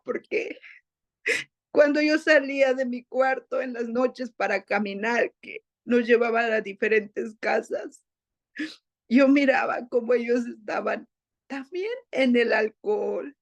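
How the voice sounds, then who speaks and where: Woman testifying in church, slow and halting, gravelly, a little high. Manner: emotional, halting, with heavy pauses and repetitions. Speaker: church member giving testimony.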